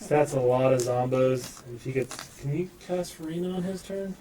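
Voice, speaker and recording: A man playing a card game, thinking aloud about his moves in a wry, relaxed way. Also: a little high, normal speed. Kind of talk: casual table talk during play. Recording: distant mic with crowd.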